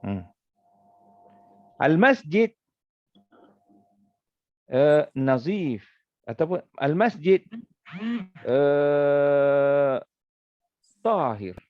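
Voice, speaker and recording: A man's voice: medium pitch, animated, normal speed, no echo, dull audio. A man with a Malaysian accent teaching an Arabic grammar lesson as a religious teacher, patiently explaining with repeated examples.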